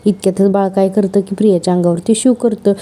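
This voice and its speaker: A woman's voice: medium pitch, steady tone, fast, warm tone. A woman narrating a serial episode recap in a chatty storytelling way, with asides to her listeners.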